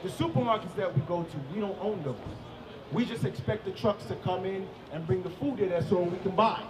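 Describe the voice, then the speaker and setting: A man preaching outdoors on a city street, quizzing a passerby and often shouting and repeating his points. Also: high-pitched, a little fast, reverberant, distant mic, noisy background.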